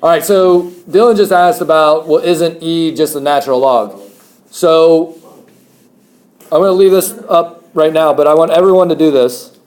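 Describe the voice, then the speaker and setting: A man's voice: fairly high pitch, normal speed, a little mellow. A man teaching a math class, explaining steps in a chatty way and joking with students. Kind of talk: classroom lecture.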